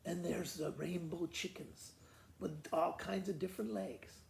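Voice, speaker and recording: Reading to his pupils, a school principal tells a children's story simply and conversationally, pausing to explain things informally. He speaks unhurriedly in a steady, slightly high voice with vocal fry, and the room echoes with faint background noise.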